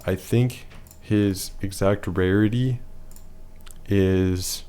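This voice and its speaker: A man's voice: deep voice, fairly even intonation, very slow, warm tone, clean tone. A man losing his voice, giving a casual, matter-of-fact voice-over that rates features one by one. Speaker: facial analysis presenter.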